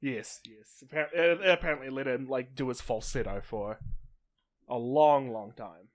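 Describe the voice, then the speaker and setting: A man's voice: medium pitch, measured pace. A man with a mid-range voice co-hosts a casual film podcast. His humor is dry and teasing. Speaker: podcast co-host. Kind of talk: casual film review chat.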